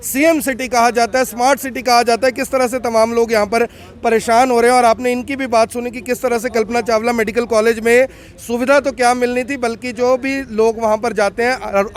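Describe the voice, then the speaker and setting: A man's voice: very high-pitched, fairly even intonation, brisk. A man reporting from an outdoor scene, asking leading questions and adding emphatic commentary. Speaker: field reporter. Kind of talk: on-the-spot news reporting. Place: outdoors at a cremation ground.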